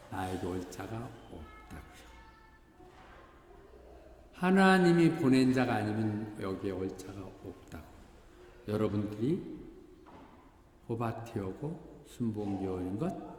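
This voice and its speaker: An older man preaches in a relaxed, talkative way, jumping up in pitch whenever he acts out what someone said. His voice rings through a large church hall with a long reverb and a faint background hiss. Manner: conversational, acts out quoted voices with animated pitch jumps. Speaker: pastor. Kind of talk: sermon.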